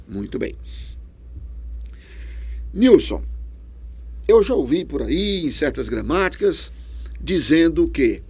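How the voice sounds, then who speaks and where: A middle-aged man with a Brazilian accent teaching a distance-learning grammar lesson, asking questions and answering them himself with lively emphasis. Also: mid-range voice, vocal fry, breathy edge. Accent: Brazilian Portuguese.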